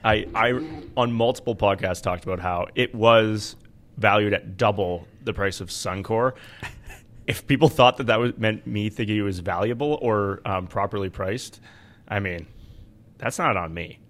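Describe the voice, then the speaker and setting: A man's voice: fairly low pitch, moderate pace, a bit bright. A man co-hosting a podcast, talking casually about finance as an investment adviser.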